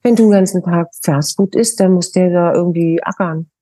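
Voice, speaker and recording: Husky, warm-voiced middle-aged woman. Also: fairly low pitch, normal speed, dry recording. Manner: emphatic, coaxing advice with direct address. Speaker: naturopath guest. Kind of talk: podcast interview.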